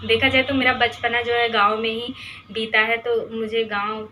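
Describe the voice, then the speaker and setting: A woman's voice: a little high, little pitch movement, normal speed, pushed and bright, a little hiss or hum. A young woman telling casual stories about her village childhood, rambling and chatty. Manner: rambling, chatty, many fillers and restarts. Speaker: vlogger.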